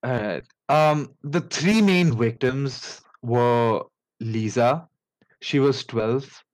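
A man with an Indian accent hosting a casual podcast, telling a story in a rambling, halting way with many fillers and restarts. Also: medium pitch, a little mellow, low-quality recording. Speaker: podcast host.

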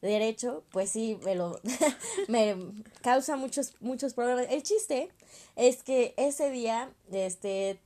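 A woman's voice: on the high side, slow. Chatty young Mexican woman telling a story. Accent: Mexican Spanish. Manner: animated, acts out quoted voices, slangy. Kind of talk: casual storytelling chat.

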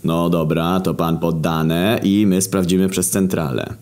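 A man voicing a dry, officious male patrol cop talking in flat radio jargon. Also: low-pitched, measured pace. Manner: flat bureaucratic radio talk.

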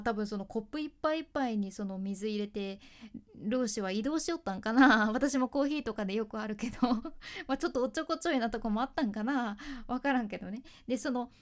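Woman, a former announcer doing a relaxed solo chat, slightly high voice, chatty and easily amused. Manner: chatty, laughs often, asks listeners questions. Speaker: freelance announcer and speaking coach.

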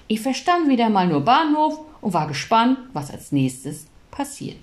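Lively woman reading a storybook. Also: on the high side, measured pace. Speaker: audiobook reader.

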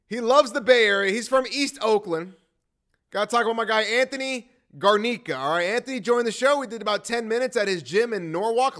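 Male sports podcast host, high-pitched voice, chummy slangy interviewer. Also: a bit bright.

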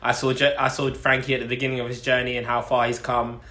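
A man's voice: mid-range voice, monotone, quick pace, bright, forceful tone. A man in his twenties with an Essex accent, chatting casually on a podcast in an earnest way, repeating phrases for emphasis. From Essex and southeast London, England. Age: 20s. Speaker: podcast co-host telling his story. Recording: echoey room.

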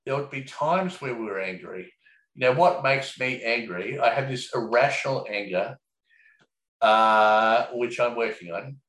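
A man speaking in an easygoing, reflective way, circling his points with plenty of fillers and a casual swear here and there. His voice sits at a middling pitch. The recording carries a noticeable room echo. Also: animated, a little slow, fairly bright tone. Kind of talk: casual conversation. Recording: echoey room.

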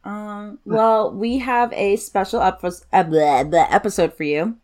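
A woman's voice: medium pitch, fairly even intonation, a little slow, a little mellow. A woman co-hosting a casual podcast, talking informally and a little hesitantly, in a self-deprecating way. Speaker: co-host.

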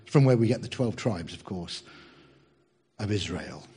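A man's voice: fairly low pitch, expressive, measured pace, warm tone, slightly rough. A man preaching a sermon in a humorous, chatty way, teasing his congregation.

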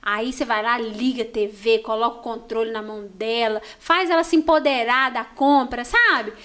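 Guesting on a casual podcast, a store manager from Minas Gerais shares stories in a warm, lively and expressive way. Her voice sits fairly high and she keeps a moderate pace.

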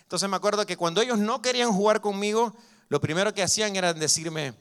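A young man preaching a sermon as pastor, telling stories lively and acting out the dialogue. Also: high-pitched, quick pace, clean tone. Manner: lively storytelling that acts out dialogue.

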